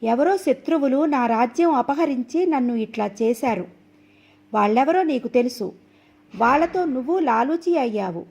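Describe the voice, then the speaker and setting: A woman voicing an angry, deluded young man who shouts orders, believing he is the caliph, in a storybook reading. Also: high-pitched, expressive, normal speed, slightly rough, heavily acted. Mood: furious. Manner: shouting, abusive, commanding.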